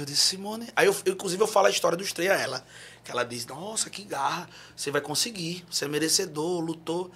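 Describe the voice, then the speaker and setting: A man's voice: on the high side, pushed and bright, slightly rough. A man from Paraíba with a Northeastern Brazilian accent, telling a story as a podcast guest, acting out quotes and breaking into song. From João Pessoa, Paraíba, Brazil. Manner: acts out quotes, bursts into song. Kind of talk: animated storytelling.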